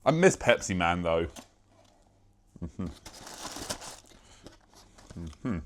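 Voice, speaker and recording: A man's voice: low-pitched, big pitch swings, very slow, a little hiss or hum. A young British man talking casually to the camera in a vlog, rambling and self-mocking, with casual swearing. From Britain. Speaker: YouTuber.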